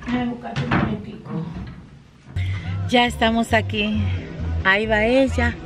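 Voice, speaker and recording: A woman's voice: a little high, little pitch movement, measured pace, music in the background. A woman vlogger chatting casually to her viewers from inside a car, laughing often, recorded on a phone. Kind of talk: casual chat to camera. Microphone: phone camera.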